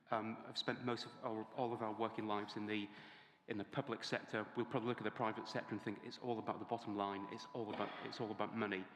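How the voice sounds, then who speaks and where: A middle-aged man moderating a conference panel, hesitant and often pausing or repeating words. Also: fairly low pitch, fairly bright tone, slight background noise. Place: large hall on a conference stage. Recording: very echoey conference hall.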